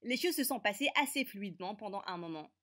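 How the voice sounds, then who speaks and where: A woman voicing a feisty teenage girl who narrates an animated story with brisk, sarcastic wit. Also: medium pitch, close to an everyday voice. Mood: sardonic.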